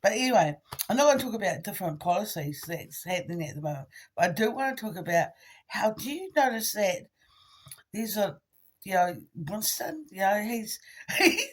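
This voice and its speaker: A woman, trying out informal stand-up comedy in a halting, giggly, conversational way. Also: mid-range voice, lively intonation, breathy edge. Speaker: amateur comedian. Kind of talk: informal stand-up attempt for social media, casual rambling.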